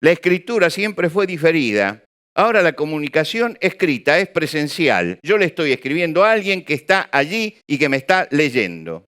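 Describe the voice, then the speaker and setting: A male preacher speaks to a congregation. His voice is fairly high for a man, smooth and resonant, and it moves freely up and down. He keeps the room with him through rhetorical questions and acted-out examples. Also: sing-song, moderate pace, fairly bright tone. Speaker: pastor. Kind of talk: sermon. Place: church or hall with an audience.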